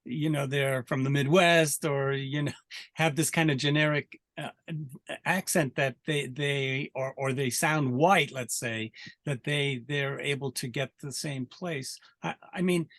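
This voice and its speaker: A man leads a festival Q&A in a middle register, asking questions in a halting way and breaking into frequent small hums of agreement. The recording is dry and close, with almost no room sound. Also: medium pitch, fairly even intonation, a bit bright, no echo. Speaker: festival director and interviewer. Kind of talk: Q&A interviewing.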